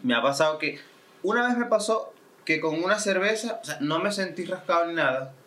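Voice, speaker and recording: A man's voice: fairly high pitch, expressive, fairly quick, a bit bright. A man, co-hosting a casual podcast and chatting reflectively, often restarting his sentences. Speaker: podcast co-host. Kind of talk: casual chat.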